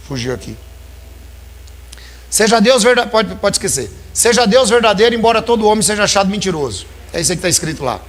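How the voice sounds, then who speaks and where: A man's voice: high-pitched, a bit bright. A man preaching a sermon in a church, talking conversationally and calling his listeners brothers.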